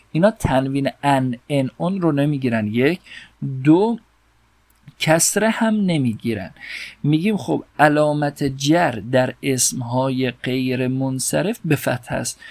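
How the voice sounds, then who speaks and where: A man teaching an Arabic grammar lesson, explaining step by step and repeating examples slowly. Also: fairly high pitch, gravelly, no echo.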